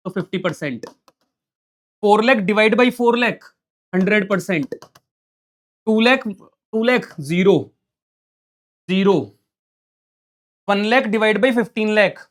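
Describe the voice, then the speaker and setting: A man teaching accountancy in an online lesson, reading out numbers as he writes and firing quick questions that he then answers himself. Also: high voice. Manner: talks while writing, reading out numbers. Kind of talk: online lesson, solving on a board.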